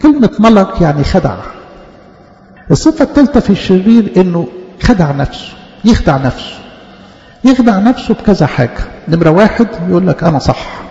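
Gravelly Egyptian preacher in an echoey hall. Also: male voice, sits high, sing-song, a little fast, warm tone. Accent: Egyptian Arabic. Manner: earnest, repetitive teaching cadence with acted quotations. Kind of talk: sermon. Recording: dull echoey church hall.

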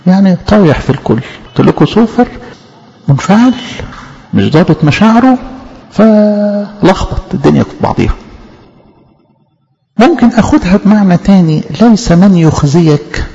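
Egyptian guy preaching a bible study, raspy-ish fry, muffled lo-fi sound, keeps asking questions. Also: high-pitched, animated, moderate pace, pauses often, dark tone. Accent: Egyptian Arabic. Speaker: preacher teaching scripture. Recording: reverberant hall, dull lo-fi sound.

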